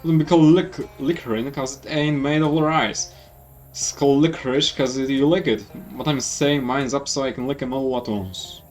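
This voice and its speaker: A man's voice: mid-range voice, steady tone, moderate pace, distant mic, soft background music, lightly acted. A man voicing a cheeky young country boy who talks in a folksy, boastful drawl.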